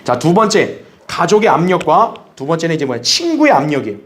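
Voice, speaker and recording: A man pastor teaching a Bible study, animated, asking the congregation questions and acting out what others might say. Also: a little high, a little fast. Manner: animated, acts out others' remarks in a raised voice; asks the audience questions. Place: church hall.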